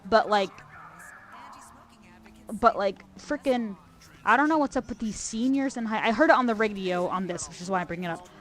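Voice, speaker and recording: A woman's voice: medium pitch, normal speed, pauses often. Rambling woman streamer chatting over gameplay. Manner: rambling, filler-heavy, animated asides. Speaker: game streamer. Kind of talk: casual gameplay chat.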